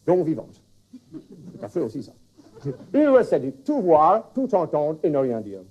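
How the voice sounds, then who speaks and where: In a stand-up sketch from a 1979 TV broadcast, a man plays a confused, flustered foreign language teacher, stammering through puns in a put-on accent with restarts. His voice is slightly high and a little mellow, with huge pitch swings at a moderate pace, and the recording is muffled.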